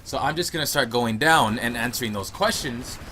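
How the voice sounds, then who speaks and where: A man's voice: mid-range voice, a little fast, crowd noise. A young man hosting his gaming channel, chatting through a casual Q&A in a rambling, laughing way, recorded at home. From United States. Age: young adult. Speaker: YouTube gaming channel host. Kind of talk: casual Q&A monologue.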